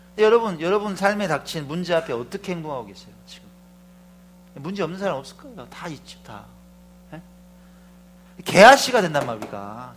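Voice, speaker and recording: A middle-aged male pastor preaching fervently, moving from hushed asides to shouted proclamations and often questioning the congregation. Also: sits high, slight background noise. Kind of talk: sermon.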